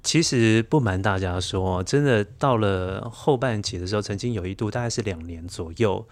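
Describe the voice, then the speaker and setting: A middle-aged man with a Taiwanese accent shares personal anecdotes as a storyteller and interview guest in conversation. His voice is lowish and his pace moderate.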